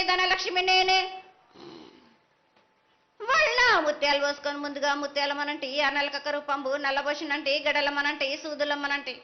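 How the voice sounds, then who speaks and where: A woman's voice: sits high, lo-fi sound. A woman oracle delivers a ritual invocation in short declamatory phrases, chanting in a prophetic, trance-like voice.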